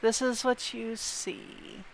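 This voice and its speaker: A man running a tabletop game as dungeon master, narrating slowly and drawing out his lines over a voice call. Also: very high voice, steady tone, gravelly, a little hiss or hum. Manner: slow, drawn-out narration.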